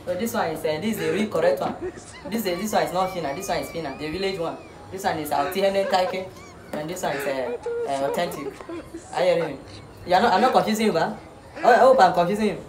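A woman's voice: fairly low pitch, fast, a crowd in the background. A woman giving a joking spelling lesson, playful and repetitive, laughing often. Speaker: comic host. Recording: roomy echo.

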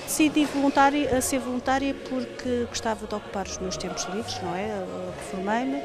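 A woman's voice: on the high side, fairly even intonation, moderate pace. A woman in her forties with a European Portuguese accent, a volunteer talking eagerly to a reporter. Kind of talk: interview. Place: large indoor hall with clothing stalls. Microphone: handheld reporter mic.

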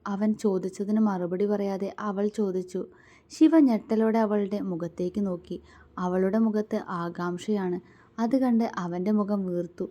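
A woman storyteller giving scripted narration of a romance story, with a calm, hushed reading pace. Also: medium pitch, moderate pace.

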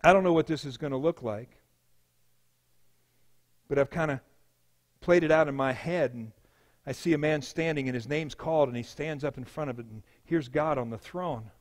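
High-voiced pastor preaching emphatically. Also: male voice, moderate pace, long pauses. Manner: emphatic, dramatic swings between loud and hushed. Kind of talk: sermon.

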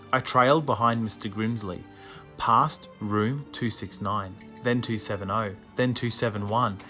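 A man reading a children's horror story aloud in a measured, suspenseful first-person narration, with music underneath. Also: lowish voice, fairly bright tone. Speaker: audiobook reader.

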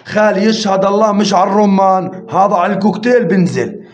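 A man runs a pigeon auction on a live stream, counting bids rapidly and coaxing viewers to join. The audio is roomy and slightly muffled, with faint noise and pigeons cooing behind him. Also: high voice.

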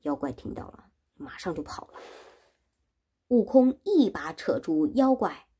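A woman's voice: lowish voice, big pitch swings, unhurried, warm tone, breathy edge. A woman teacher reading a classic story aloud and explaining it for learners, repeating and rephrasing things in simple words. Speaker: Chinese teacher.

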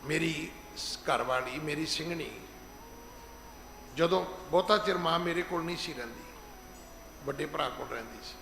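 Middle-aged man as head preacher, emphatic and high-voiced, recorded in a reverberant hall with faint background ambience. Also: vocal fry, sharp tone, a little hiss or hum. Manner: emphatic, slows down to stress scripture, acts out quoted speech. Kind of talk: gurdwara sermon. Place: large gurdwara hall.

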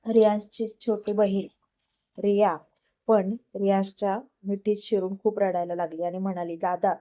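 A woman narrating a serialized love story, reading in a steady, plain manner. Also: medium pitch, normal speed.

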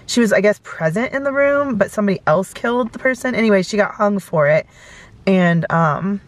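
Sitting in her parked car at night, a vlogger in her thirties chats casually into a camera close in front of her, storytelling with many fillers. Her voice is fairly low-pitched, with no echo.

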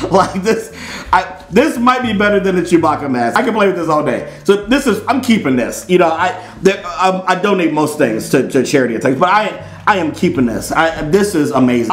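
Here the middle-aged American host runs a playful, theatrical unboxing at a moderate pace, his voice sitting high and animated. Faint music plays behind him. The sound from the small indoor studio set is echoey and roomy.

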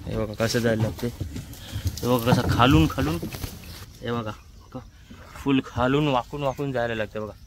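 Speaking at normal speed with long pauses, a man with a mid-range voice and a Mumbai accent gives casual vlog commentary, repeatedly pointing things out to viewers. He's outdoors on a small open boat on a creek, and the handheld phone recording is noisy.

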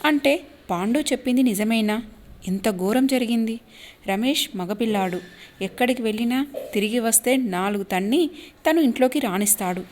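A man's voice: extremely high pitch, normal speed. A woman storyteller voicing a polite, worried middle-aged man who speaks. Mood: troubled. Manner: polite, hesitant, troubled.

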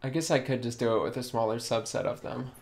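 A man's voice: mid-range voice, steady tone, fast, creaky. A man live-streaming as a game developer, explaining in a casual way and thinking aloud while he works.

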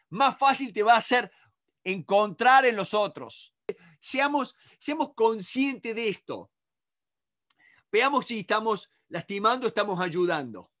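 Male negotiation instructor with a Rioplatense accent, raised pitch, direct and emphatic lecture delivery. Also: fairly bright tone. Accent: Rioplatense Spanish. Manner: emphatic and repetitive, addresses the audience directly; acts out others in quoted asides. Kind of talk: recorded masterclass lecture.

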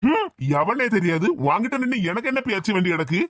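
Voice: mid-range voice, animated, fast, a bit bright, no room sound, clean studio sound. A voice actor playing a hot-tempered village man with a Tirunelveli accent, scolding and threatening his niece in a cartoon. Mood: angry scolding. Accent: Tirunelveli Tamil.

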